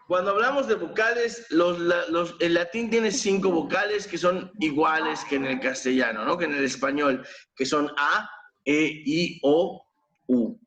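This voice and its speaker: Male teacher, slightly high voice, unhurried, patient; sounds things out letter by letter for the class. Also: a bit bright, reverberant. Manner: patient, spells out sounds one by one, quizzes students. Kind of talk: explaining pronunciation to a class.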